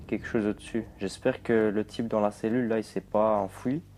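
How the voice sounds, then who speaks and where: A young man talks through a horror game, jumpy and quick to swear. His voice is low and mellow. Faint noise sits under the commentary. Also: steady tone. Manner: jumpy, swearing, talking to viewers. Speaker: gamer. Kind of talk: let's play commentary.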